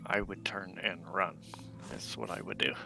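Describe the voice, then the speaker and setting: A man's voice: sits low, expressive, normal speed. A man chatting casually as a player in a tabletop game. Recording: clear music behind voice.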